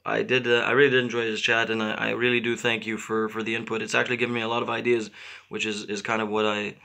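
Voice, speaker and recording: A man in his thirties from Israel, hosting a casual live stream and answering viewer comments with halting, repetitive phrasing and many fillers. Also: on the low side, little pitch movement, vocal fry, bright, forceful tone. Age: 30s. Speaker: channel host.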